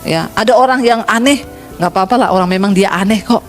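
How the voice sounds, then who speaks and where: A woman's voice: medium pitch, a little fast, soft background music. A middle-aged woman pastor from Sulawesi preaching a sermon with humor, acting out quoted voices and calling the congregation brothers and sisters.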